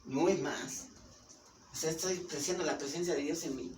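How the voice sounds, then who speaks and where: A man's voice: fairly high pitch, normal speed, a little mellow. A man with a Mexican Spanish accent preaches a sermon, stopping often to put questions to his congregation. He is picked up from a distance, so his voice comes through a roomy church hall with some noise in the background. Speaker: pastor.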